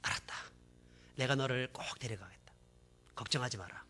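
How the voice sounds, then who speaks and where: A man voicing a gentle father who speaks to his son in a soft, hushed way. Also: medium pitch, fairly quick, slight background noise, pitched below the performer's own voice, lightly acted. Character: quiet gentle father, a seaman.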